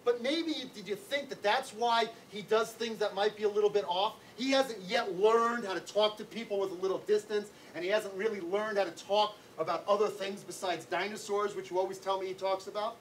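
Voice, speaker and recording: A man's voice: sits high, a little fast, few pauses. Man telling a story from afar. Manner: animated, conversational, full of "like". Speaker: anti-bullying educator. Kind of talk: personal storytelling to children. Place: classroom or school hall. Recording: distant mic, faint room noise.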